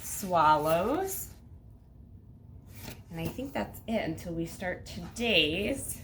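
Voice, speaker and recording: Slow-paced woman, kids show host style. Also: on the low side, expressive, fairly bright tone, a little hiss or hum. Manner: simple sing-song instructions, counting aloud. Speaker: early childhood teacher. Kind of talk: kids show host talk to young children.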